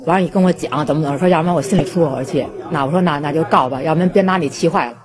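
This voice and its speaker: A woman's voice: low voice, rapid-fire, a crowd in the background. A woman, a talk show guest giving her side defensively. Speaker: guest, wife.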